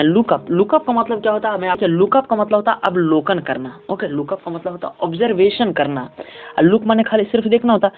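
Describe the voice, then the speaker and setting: A male English teacher walking students through an exam paper step by step, reading English sentences slowly and often checking in with his class. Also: sits high. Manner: reads English sentences slowly, then explains them. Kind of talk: exam paper walkthrough lesson. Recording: tinny phone-like audio.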